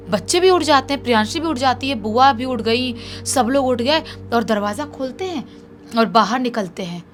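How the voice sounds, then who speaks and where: A young woman casually telling a true horror story, chatty and conversational. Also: fairly high pitch. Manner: conversational, acts out shouted quotes.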